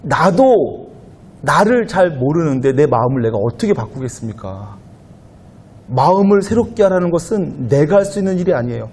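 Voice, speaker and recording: A man pastor giving a conversational sermon to a young adult congregation in a church, at times growing louder and higher as he presses a point. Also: moderate pace, breathy edge. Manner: conversational preaching, rising loud and high when animated. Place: church sanctuary.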